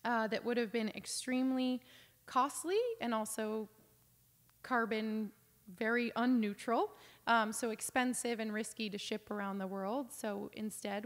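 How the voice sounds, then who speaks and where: A woman's voice: medium pitch, long reverb tail. A young adult woman giving an informal lecture over slides, conversational with frequent ums and enthusiastic asides, over a video call from a home office. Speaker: auction house business development director giving a lecture.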